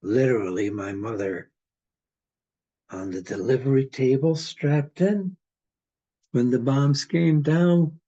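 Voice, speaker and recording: A man in his eighties from Hungary, talking in a slow, rambling, philosophical way in casual conversation. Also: mid-range voice, warm tone, muffled recording. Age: 80s.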